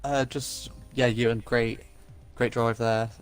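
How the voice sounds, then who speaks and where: A man's voice: medium pitch, level tone, slow pace, faint music behind. A man, co-hosting and driving in a racing league, talking casually after the race. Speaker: race league co-host and driver. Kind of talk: post-race chat.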